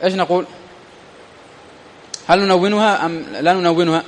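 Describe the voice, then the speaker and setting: A man giving a classroom grammar lesson, reading a text aloud slowly before stopping to explain it and question his students. His voice sits a little high for a man. The sound carries a long hall reverb. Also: fairly even intonation, slight background noise. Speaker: Arabic grammar teacher.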